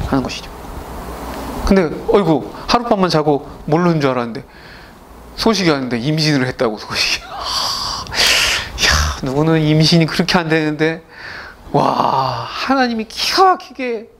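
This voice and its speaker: A man's voice: fairly high pitch, normal speed, a little hiss or hum. A male pastor retelling a Bible story in a casual, chatty sermon, acting out the characters' lines as he goes. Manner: lively, acts out characters' lines.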